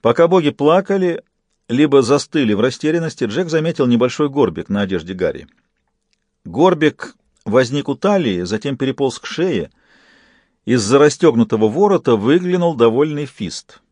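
A man reading an audiobook in an even, measured narration. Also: mid-range voice, no echo. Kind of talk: scripted narration.

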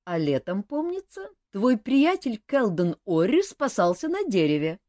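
A woman reading an audiobook, voicing a calm young king who teases with dry humor. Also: mid-range voice, a little slow, no room sound, pitched above the performer's own voice. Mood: teasing. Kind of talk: audiobook character voice.

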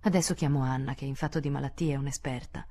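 A woman reading an audiobook, voicing a spirited, impulsive teenage girl who speaks briskly and with emphasis. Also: on the low side, mellow, husky. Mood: earnest. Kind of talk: audiobook character voice.

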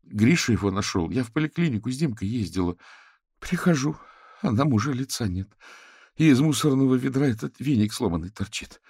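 A man's voice: medium pitch, animated, a little fast, darkish tone, breathy edge, no echo, clean studio sound, pitched above the performer's own voice. A man voicing a tired young mother who speaks tearfully and pleadingly in an audiobook.

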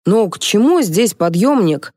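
A woman doing a slow-witted male foreman. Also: mid-range voice, big pitch swings, dark tone, husky, no room sound, clean studio sound. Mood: plodding. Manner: plodding, simple-minded.

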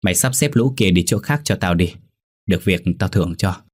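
A man's voice: low-pitched, expressive, brisk. A man voicing a domineering, drunken old village chief who speaks with a slurred drawl. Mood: gruff drawl.

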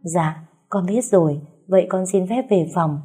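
A woman voicing a polite, anxious young wife, speaking in a soft, deferential way. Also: lowish voice, measured pace, slightly rough, soft background music.

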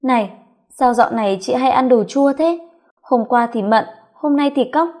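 A woman's voice: high voice, moderate pace, a little mellow. A woman voicing a chatty, nosy young female coworker who teases and pries. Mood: teasing. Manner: teasing, prying.

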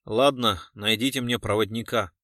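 A man voicing a calm, ironic male police colonel who speaks coldly and with authority. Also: on the low side, normal speed, dry recording, clean studio sound, pitched below the performer's own voice, natural voice. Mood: commanding. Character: cool-headed male police colonel, dry.

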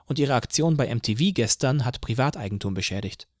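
A man voicing a calm, smug male police officer in an audiobook, lecturing in a measured way. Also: medium pitch, no room sound, studio quality, close to an everyday voice.

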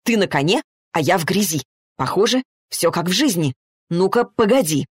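An insistent young lover from a romance audiobook, read by a woman. He talks low and slow and coaxes. The voice sits lowish, in a dry, close room. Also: lively intonation, slightly rough, no room sound. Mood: teasing.

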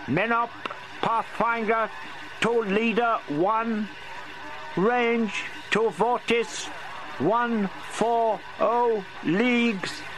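A man reading an audiobook, voicing an insect alien pilot calling in over a crackling, distant radio in slow, clipped words. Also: very high-pitched, pitched above the performer's own voice, exaggerated voice. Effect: crackling distant radio transmission.

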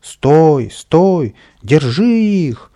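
Angry gardener yelling after kids, storybook, man doing it. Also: medium pitch, measured pace, breathy edge. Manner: loud, scolding.

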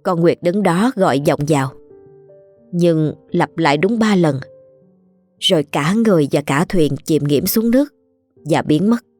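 A woman's voice: sits low, expressive, a little slow, long pauses, a little mellow, faint music behind. A woman, steadily narrating a ghost story.

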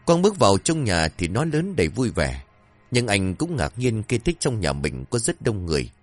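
A man's voice: fairly low pitch, wildly swooping pitch, moderate pace, no echo, soft background music. A man narrating a scripted horror story in a dramatic, suspenseful way.

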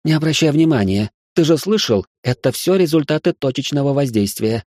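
A man's voice: fairly high pitch, expressive, a little fast, darkish tone, no echo, clean studio sound, pitched above the performer's own voice. A man voicing a curious, amused young woman in an audiobook, speaking lightly. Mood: calm, explaining.

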